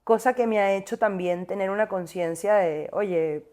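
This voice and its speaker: At normal speed and in a darkish, mid-range voice, a young Venezuelan-accented singer from Caracas muses as an interview guest. Her talk winds thoughtfully, with frequent fillers and restarts.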